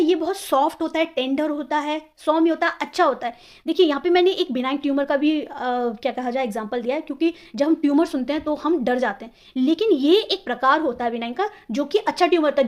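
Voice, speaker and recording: A woman with an Indian English accent, teaching English vocabulary in a mix of Hindi and English and slowly repeating each word. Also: sits high, no echo. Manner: explains slowly, repeats words and spells out pronunciation.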